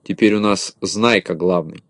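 A man voicing a pushy little shorty who keeps shouting in a storybook reading. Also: low voice, a little slow, dry recording, clean studio sound.

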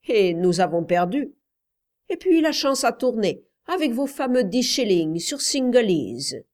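A man's voice: very high-pitched, sing-song, a little slow, a little mellow, pitched above the performer's own voice, exaggerated voice. Woman doing a deferential male groom. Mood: eager. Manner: respectful, chatty storytelling.

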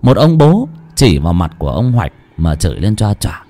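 A man's voice: lowish voice, big pitch swings, moderate pace, mellow. A man narrating an audiobook story dramatically.

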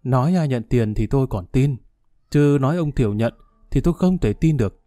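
A man reading a calm older gentleman. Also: mid-range voice, a little fast, no room sound, studio quality, soft background music, close to an everyday voice. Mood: assured. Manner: reasoned, reassuring.

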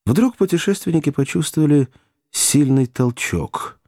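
A man reading an adventure novel aloud in an even, descriptive storytelling manner. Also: a little high, normal speed, dry recording, clean studio sound. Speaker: audiobook narrator. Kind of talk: scripted audiobook narration.

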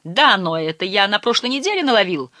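A reader voicing a scrawny, meek fisherman who speaks quietly and timidly. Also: mid-range voice, very animated, fairly quick, no echo, studio quality, pitched above the performer's own voice.

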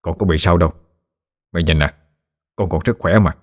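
A man voicing a poor grieving fisherman father who talks softly and stammers a little. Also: low voice, normal speed, natural voice. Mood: reassuring. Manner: soft, stammering, subdued.

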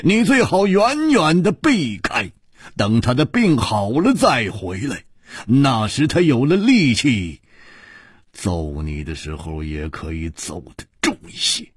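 A man voicing a blunt, irritable man who scolds loudly in a martial arts story. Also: mid-range voice, sing-song, slow pace, breathy edge, no echo, studio quality, pitched above the performer's own voice, full character voice. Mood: scolding. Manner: loud, scolding.

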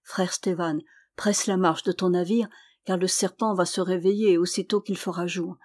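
A brave young man from a storybook, urgent and commanding as he rallies his brothers, as a woman reader puts him on. He speaks out loudly and pushes everyone to act fast. His voice rises with urgency. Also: on the low side, fairly even intonation, natural voice.

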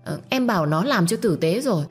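A woman's voice: medium pitch, animated, brisk, breathy edge, soft background music, voice pushed up. A woman voicing a sly young servant girl who talks eagerly and fawns over her masters. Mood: fawning.

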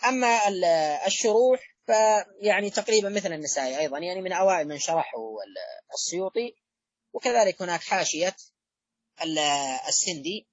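A male lecturer delivers a measured academic talk, stopping often on long fillers and restarting his phrases. His voice is husky and slightly breathy, set close and dry with almost no room sound. The recording is a little dull and muffled. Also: sits high, sing-song, no room sound. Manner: halting delivery with frequent drawn-out fillers and restarts. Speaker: lecturer on hadith studies.

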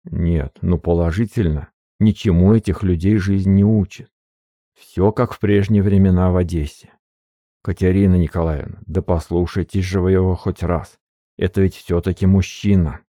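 A man voicing a suave, weary older privy councillor in an audiobook, slow, measured and courteous. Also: low voice, fairly even intonation, dark tone, no room sound, studio quality. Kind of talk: audiobook character reading.

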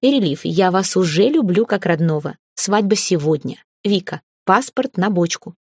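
A woman reading an audiobook, voicing an excited, bossy middle-aged mother who speaks in loud exclamations. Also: fairly low pitch, normal speed, husky, no echo, studio quality. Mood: eager.

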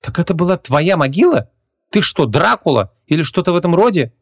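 A man voicing a bold, sharp-tongued young woman who talks brashly and with disbelief. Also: fairly high pitch, sing-song, brisk, pitched above the performer's own voice. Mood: agitated. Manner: brash, incredulous.

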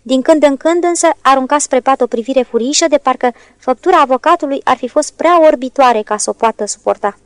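A woman narrating a classic novel as an audiobook in a steady, measured reading. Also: high-pitched, clean tone, no echo. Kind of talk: scripted narration.

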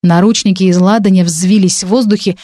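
A woman narrating a first-person audiobook, expressive and animated, pushing her character's lines with urgency. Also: mid-range voice, brisk, dry recording, clean studio sound.

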